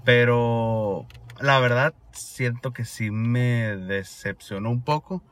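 A man's voice: medium pitch, takes it slowly, a bit bright. A young man from Sonora with a northern Mexican accent, telling a story in casual, slangy chat full of swearing. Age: young adult. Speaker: former exchange student telling his story.

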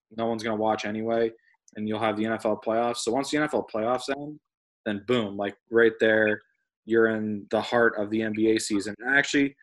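Man hosting a casual sports podcast. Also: medium pitch. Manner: steers topics, asks questions. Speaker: podcast host.

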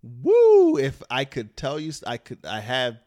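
A man talking in a casual conversation, telling a personal story in a lively way, acting out what others said and swearing now and then. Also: mid-range voice, normal speed. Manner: animated storyteller, swears, acts out quotes. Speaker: comedian guest.

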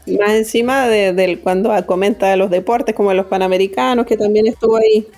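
A woman's voice: medium pitch, fairly even intonation, fairly quick, a little mellow, soft background music. A woman interviewer asking short, friendly questions in a casual chat.

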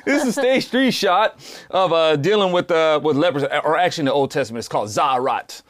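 A man's voice: a little high, expressive, a little fast. A man hosting a podcast Bible study, chatting casually and joking, laughing often and using lots of fillers.

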